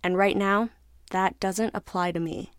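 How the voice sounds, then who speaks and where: A woman's voice: medium pitch, fairly even intonation, measured pace, clear, resonant tone, dry recording, studio quality, close to an everyday voice. Woman voicing an anxious, pleading tuna. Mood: resigned.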